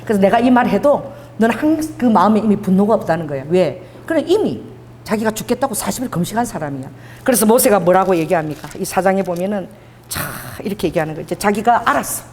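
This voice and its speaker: A woman pastor preaching a sermon in a church, animated, with asides to the congregation and acted quotes. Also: medium pitch, fast, a little hiss or hum. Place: church sanctuary. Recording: reverberant hall.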